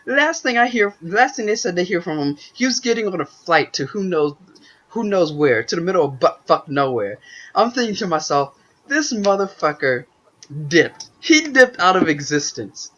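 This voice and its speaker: A man spins a profane story on a podcast, acting out every line of dialogue. His voice sits a touch high and leaps around with animated swings. The recording is dull and lo-fi. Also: moderate pace. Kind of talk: casual storytelling.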